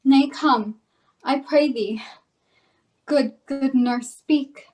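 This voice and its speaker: A woman's voice: sits high, very slow, a little mellow, distant mic, low-quality recording. A woman playing an impatient young girl in love. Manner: impatient, pleading. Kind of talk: amateur Shakespeare reading.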